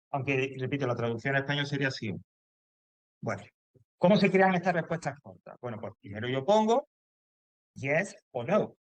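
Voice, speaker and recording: A man's voice: fairly high pitch, no echo. A man teaching English grammar to a class, explaining step by step and checking in often.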